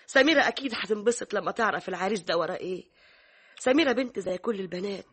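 A woman's voice: medium pitch, a bit bright, husky. Coaxing Egyptian mother. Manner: coaxing, insistent. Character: scheming middle-aged mother pushing a match.

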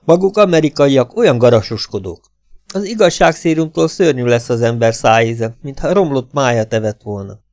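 A man voicing an excitable, vain middle-aged male Russian violinist who pleads and protests in a raised, high-pitched voice. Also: dry recording, clean studio sound, lightly acted. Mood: pompous.

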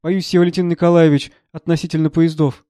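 A man's voice: fairly high pitch, flat delivery, brisk, mellow, no room sound, clean studio sound, lightly acted. A man reading the part of a timid, humble elderly secretary who speaks meekly and hesitantly. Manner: meek, hesitant.

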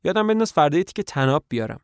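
A man's voice: fairly high pitch, sing-song, gravelly, no room sound, clean studio sound. A man voicing a gloomy aging male tramp who talks in a glum, resigned way in a podcast play reading.

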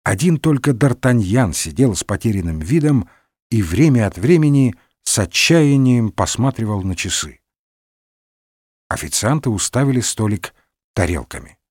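A man narrating a comic story in an expressive, ironic storybook manner. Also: lowish voice, moderate pace, dry recording, studio quality.

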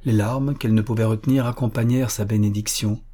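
A man narrating a classic novel as an audiobook, in measured, even storytelling. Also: fairly low pitch, slightly rough. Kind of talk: literary audiobook reading.

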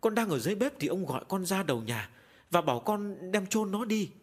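A man's voice: high-pitched, sing-song, fairly quick, pitched above the performer's own voice. A man voicing a timid young female servant who stammers and speaks deferentially, in an audio storybook. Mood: nervous.

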